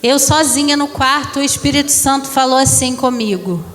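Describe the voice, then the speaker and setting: Woman in her thirties preaching an emotional testimony; high pitch, reverberant church. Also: normal speed, fairly bright tone. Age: 30s. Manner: emotional storytelling, addresses congregation. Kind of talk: testimony sermon. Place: church hall.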